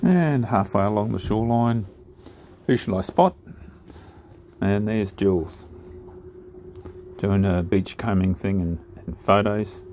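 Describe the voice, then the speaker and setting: A man narrating his sailing trip over drone footage in a relaxed, unhurried way, with frequent ums and pauses. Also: lowish voice, slight background noise.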